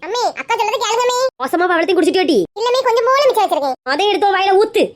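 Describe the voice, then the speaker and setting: A woman's voice: very high voice, animated, very fast. A woman voicing a cheeky, food-loving young daughter in a comedy skit, chirping out excuses.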